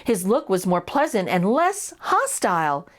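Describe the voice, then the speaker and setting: Sing-song and unhurried, this mid-range female storyteller hosts a reading of a children's picture book, bringing it to life and pausing for small comments to the kids listening.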